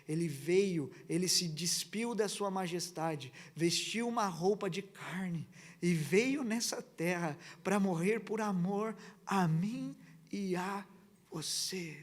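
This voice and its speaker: A young man preaching a sermon, passionate, slowing down to stress points and telling stories with lively energy. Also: sits high. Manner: passionate, slows down for emphasis, then tells stories animatedly. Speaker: pastor.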